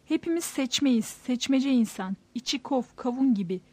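Anxious troubled man, read by a woman, tense questioning monologue, high-pitched, dry sound. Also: lively intonation, moderate pace, a little mellow, husky, dry recording. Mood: brooding.

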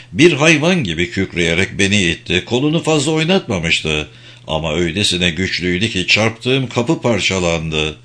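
Brief: male storyteller, lowish voice with a bright, tense edge, dramatic reading. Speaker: narrator. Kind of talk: scripted audiobook narration.

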